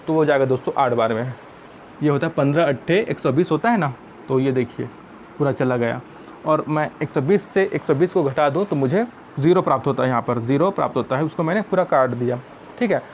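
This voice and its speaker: A man's voice: a little high, a little mellow, a little hiss or hum. A man teaching math, explaining each step patiently and often calling viewers friends.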